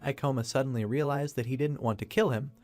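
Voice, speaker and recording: A man reading a comic story recap as scripted narration, in a steady, even storytelling read. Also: medium pitch, quick pace. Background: faint background music.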